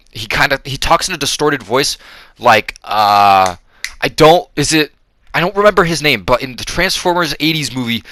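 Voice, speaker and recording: Man, film reviewer, casual and profane, rambling with fillers, bright sharp voice, dry close sound. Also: mid-range voice, no room sound. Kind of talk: casual spoken movie review.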